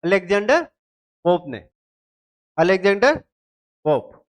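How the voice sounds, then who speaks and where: A man's voice: high-pitched, very animated, slow pace. A man teaching an exam-prep literature lesson, who asks his students questions and then answers them himself, repeating the key terms.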